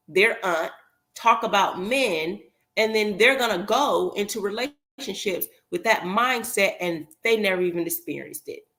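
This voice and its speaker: A woman giving casual opinion commentary in an emphatic, rambling way, pausing to recall details. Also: fairly low pitch, a bit bright. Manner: emphatic, rambling, with pauses to remember.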